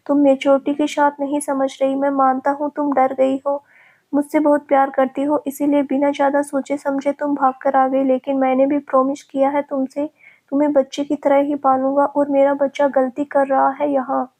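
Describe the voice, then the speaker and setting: A woman voicing a calm, protective young man who gently reassures his frightened partner. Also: sits high, moderate pace. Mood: earnest.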